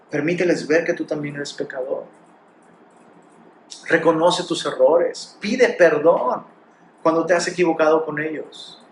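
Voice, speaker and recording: Mexican preacher, high voice, roomy echo. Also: male voice, slight background noise. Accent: Mexican Spanish. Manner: emphatic preaching with rhetorical questions and acted parent quotes. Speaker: pastor. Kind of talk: sermon.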